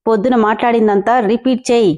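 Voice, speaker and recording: Lady voicing a cold bossy husband in a storybook, curt and scolding, mellow tone. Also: a little high, fairly even intonation, quick pace, lightly acted. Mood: stern. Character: cold, arrogant young husband.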